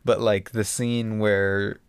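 A man's voice: fairly low pitch, little pitch movement, takes it slowly, clean tone, no room sound. A man talking as a podcast co-host in a loose, informal, hedging way, often ready to laugh. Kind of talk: casual podcast chat. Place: basement used as a podcast studio.

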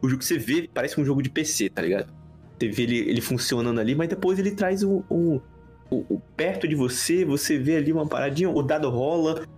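A man's voice: on the high side, fast, a little mellow, soft background music. A man with a Brazilian accent in casual chat, using lots of slang and repeating his phrases.

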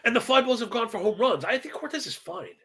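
High-pitched, creaky-voiced man talking baseball bets. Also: lively intonation, fast, sharp tone. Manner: slangy, asks "right?" as a constant tag; self-described professorial, rattles off statistics. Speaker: sports betting analyst, live stream host. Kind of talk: casual, stat-heavy baseball betting commentary.

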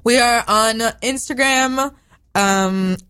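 A woman musician from Israel with an Israeli accent, chatting as a guest on a radio show, bubbly and quick to laugh. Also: fairly high pitch, bright, forceful tone, clean tone. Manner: bubbly, laughing, rapid asides. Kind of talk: casual interview chat. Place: radio studio.

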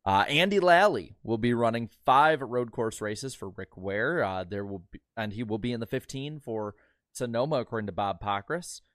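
A man's voice: mid-range voice, expressive, moderate pace, fairly bright tone, dry recording, studio quality. A man co-hosting a motorsport podcast, reading news items in a loose, joking way with lots of fillers. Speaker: podcast co-host. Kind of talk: casual podcast chat.

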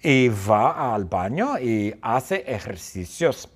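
A male teacher narrating a story slowly and playfully for language learners, repeating phrases and adding sound effects. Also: medium pitch, big pitch swings, husky. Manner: slow, repetitive, playful retelling with sound effects.

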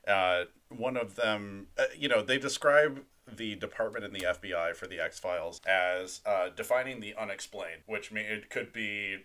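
A man's voice: lowish voice, normal speed, hardly any pauses, sharp tone. A man co-hosting a casual podcast, laughing often and talking in loose, rambling stretches. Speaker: podcast co-host.

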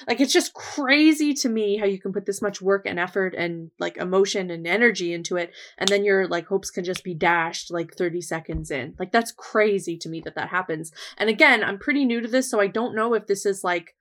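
A woman's voice: medium pitch, a bit bright. Woman podcast co-host, casual and talkative, filler-heavy. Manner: chatty, filler-heavy, laughs often. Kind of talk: casual chat.

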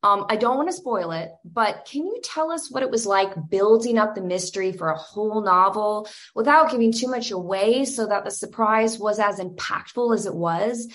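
A woman's voice: mid-range voice, moderate pace, few pauses, a bit bright. Enthusiastic woman interviewer from Georgia. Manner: enthusiastic, gushing, many fillers. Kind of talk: casual interview.

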